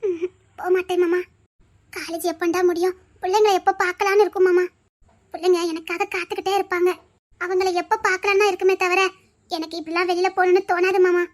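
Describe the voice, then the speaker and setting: Woman playing a very high, sweet young girl with a Tirunelveli accent. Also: flat delivery, fast talker. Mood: tender. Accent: Tirunelveli Tamil. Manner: gentle, affectionate, teasing. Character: sheltered young woman student, sweet and playful. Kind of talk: web-series drama acting.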